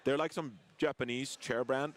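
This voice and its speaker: A man casts a professional esports match, delivering energetic, analytical play-by-play and trading jokes with his co-caster. His voice is mid-range and his pace moderate.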